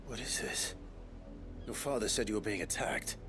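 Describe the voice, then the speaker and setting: An actor playing a stern, defiant young warrior with a raspy voice, grim and measured. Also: male voice, on the low side, close to an everyday voice. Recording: game audio under faint music.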